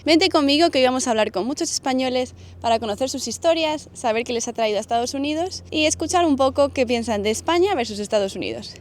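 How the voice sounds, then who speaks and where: A woman's voice: high-pitched, expressive, fast talker, hardly any pauses, slight background noise. A woman from Spain hosting a vlog, chatting with fellow expats and asking friendly questions. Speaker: vlogger interviewing expats. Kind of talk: street interview vlog.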